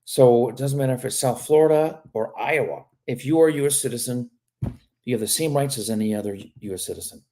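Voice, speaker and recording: A brisk, mid-range, dark-toned male voice belongs to an immigration lawyer who reads viewer questions out loud on a live stream and answers them frankly and casually, regularly throwing in "okay?".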